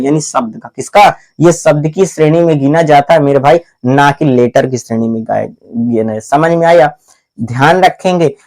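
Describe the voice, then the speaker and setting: A man with a fairly high voice teaches grammar in a drilling, repetitive classroom manner. He keeps asking the same question and answering it himself, and he often calls the listener "my brother." He also spells words out letter by letter at a slow pace. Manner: repetitive call-and-response questioning, answers his own questions; addresses the viewer as "my brother". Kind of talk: classroom-style grammar lesson.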